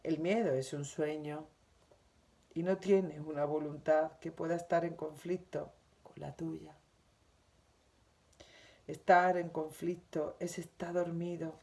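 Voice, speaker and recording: Una mujer con acento de España que lee y comenta una lección espiritual diaria, con tono suave, sentido y reflexivo. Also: female voice, sits low, fairly even intonation, slow pace, long pauses, darkish tone. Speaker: spiritual teacher. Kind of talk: reading and commenting on a daily spiritual lesson.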